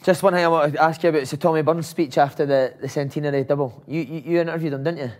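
Quick-talking interviewer. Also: male voice, a little high, fairly even intonation. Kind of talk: casual interview.

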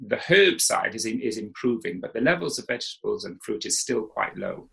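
Male professor, gravelly voice, informal explainer with restarts. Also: fairly low pitch, animated, a little fast, a bit bright, low-quality recording. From Wales. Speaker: professor, expert guest. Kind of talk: conversational interview.

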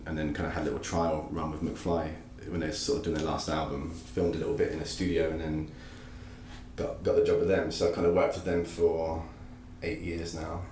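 A man's voice: a bass voice, a little hiss or hum. A man in his thirties, a filmmaker, chatting casually in an interview with lots of "like" and "kind of", recorded in an echoey office room on a cheap recorder. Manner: relaxed, rambling, with many "like" and "kind of" fillers. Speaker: guest, filmmaker.

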